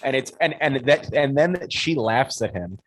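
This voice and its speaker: A man's voice: medium pitch, expressive, moderate pace, poor audio. A man who does stand-up, co-hosting a casual comedy podcast, telling rambling anecdotes and laughing often. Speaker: podcast co-host, stand-up comic.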